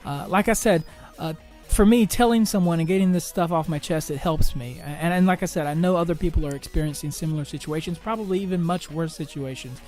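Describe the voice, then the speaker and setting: A young man hosting a podcast, talking through personal troubles in a halting monologue full of restarts, fillers and swearing. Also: fairly high pitch, darkish tone, faint music behind. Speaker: podcast host.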